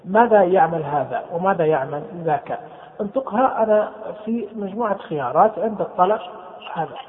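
A man, walking listeners through software settings step by step and repeating key terms. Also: high-pitched, fairly quick. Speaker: instructor. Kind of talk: screen-reader software tutorial. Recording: tinny phone-like sound with long reverb.

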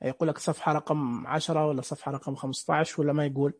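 A man's voice: a little high, level tone, fast. A man teaching a screen reader class online, explaining each setting step by step and asking the listeners questions. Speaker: instructor. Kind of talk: screen reader software tutorial.

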